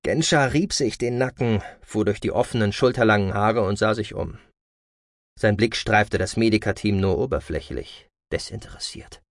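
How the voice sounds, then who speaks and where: A man reading a science fiction audiobook as narrator, expressive and voicing every character. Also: lowish voice, moderate pace, no echo, clean studio sound. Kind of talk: scripted narration.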